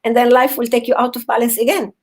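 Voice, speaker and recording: A woman from Venezuela who works as a psychotherapist, giving a heartfelt motivational talk over a video call in an earnest, halting way, often repeating words as she searches for phrasing. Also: a little high, level tone, low-quality recording. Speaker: psychotherapist, guest speaker.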